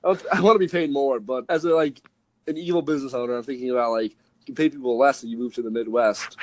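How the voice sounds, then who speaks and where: A man's voice: medium pitch, fast, darkish tone, rough recording. A young man co-hosting a podcast, rambling jokily in casual chat and filling his talk with "like". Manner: rambling, jokey, lots of "like". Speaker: podcast co-host.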